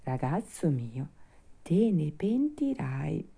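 Casting: woman as a kind motherly fairy, soft and coaxing, slow, storybook. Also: low voice, big pitch swings, gravelly, husky, heavily acted. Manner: gentle, coaxing.

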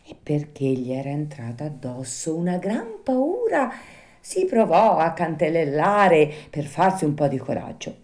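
A woman narrating a storybook tale aloud with an expressive reading voice. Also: deep voice, unhurried.

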